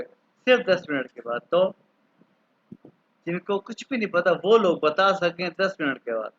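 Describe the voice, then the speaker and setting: A man in his thirties from Pakistan teaching an online German class, patiently repeating words slowly for pronunciation. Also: high-pitched, muffled recording, noisy background. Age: 30s.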